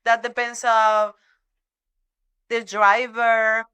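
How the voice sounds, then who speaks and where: A young woman from Venezuela talks through an interview in accented English, pausing now and then to reach for the right word. Her voice sits a little high, bright and very clear, and she speaks slowly. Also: little pitch movement. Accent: Venezuelan Spanish. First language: Spanish. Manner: searches for English words, repeats phrases. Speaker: podcast guest. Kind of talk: conversational interview.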